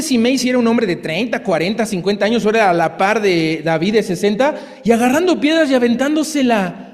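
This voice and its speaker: A man preaching a sermon in a lively, chatty way, with asides and acted quotes. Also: sits high, big-room sound. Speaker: pastor.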